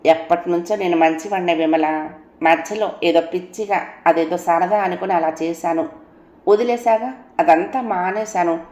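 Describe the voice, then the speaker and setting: A woman voicing a remorseful young husband who slowly begs his wife to forgive him. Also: on the low side, a little mellow, echoey room, lightly acted. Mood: pleading.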